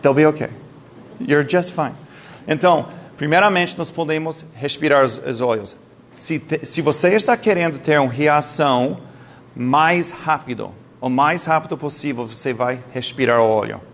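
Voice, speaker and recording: A man's voice: on the high side, moderate pace. Man lecturing a live audience. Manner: lively storytelling, quizzes the audience, occasional non-native slips.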